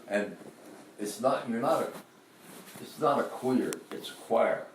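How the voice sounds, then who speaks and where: A man's voice: medium pitch, reverberant, distant mic, a little hiss or hum. An older man with an Appalachian accent, telling rambling stories from his life and chuckling often. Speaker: interviewee, father. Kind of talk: casual storytelling.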